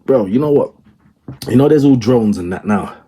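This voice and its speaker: A man's voice: medium pitch, animated, normal speed, mellow, breathy edge. A man in casual podcast chat, talking emphatically and often checking that the listener follows.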